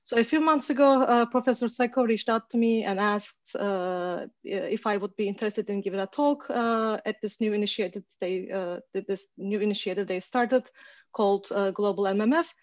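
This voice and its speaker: A guest speaker, a woman from Turkey in her 30s, gives a casual talk over a call in a mid-range voice at a moderate pace. She sounds hesitant, with lots of "uh" and restarts, and the sound is dry and muffled with no echo.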